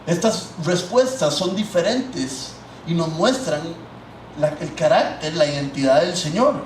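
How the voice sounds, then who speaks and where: A man's voice: a little high, animated, measured pace, far from the mic, slight background noise. A man, preaching a sermon and talking directly to the congregation. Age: 30s. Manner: conversational, addresses the congregation directly. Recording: echoey hall, mic set back.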